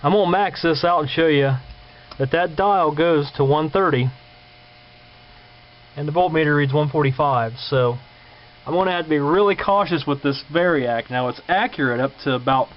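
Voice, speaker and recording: The muffled, lo-fi camcorder audio, marked by a clear hum, captures a hobbyist indoors at his home workbench showing off his repair work. Speaking to viewers casually and without a script, he's plain-spoken and folksy. His voice runs on the high side at a moderate pace.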